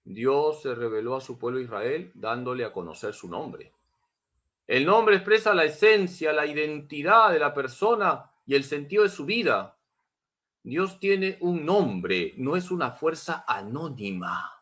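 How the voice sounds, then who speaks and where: Emphatic priest, slow and lively. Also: male voice, on the high side. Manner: emphatic, repeats key points for teaching; addresses listeners as brothers. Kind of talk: catechism class.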